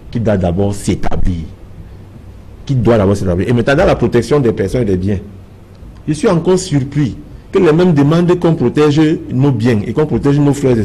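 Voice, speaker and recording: In a televised political debate, a party member on the panel argues with a Cameroonian French accent, his mid-range voice warm with a breathy edge. He presses his case insistently, driving it home through repeated phrases.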